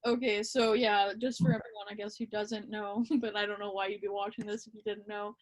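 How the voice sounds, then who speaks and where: A woman co-hosting a casual hockey chat, relaxed and hesitant with lots of ums. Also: medium pitch, fairly quick. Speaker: podcast co-host.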